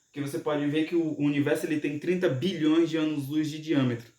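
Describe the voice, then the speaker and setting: A man's voice: a little high, fairly even intonation, brisk, warm tone. A man teaching a casual science lesson, talking informally and often checking in with the listener. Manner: informal, frequent "né?" tag questions and restarts. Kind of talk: explanatory lesson. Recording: echoey room, voice from far off mic.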